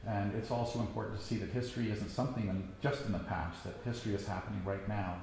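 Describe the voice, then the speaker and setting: A man in his sixties giving a reflective personal talk, halting with many ums and restarts. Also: lowish voice, steady tone, creaky, darkish tone. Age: 60s. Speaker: guest speaker. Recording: echoey hall, faint background noise.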